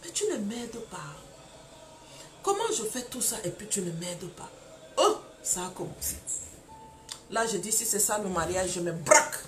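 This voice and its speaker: A woman preaching a live-streamed testimony sermon, telling her story in an animated way, full of exclamations and acted-out dialogue. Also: medium pitch, measured pace, pauses often, music in the background.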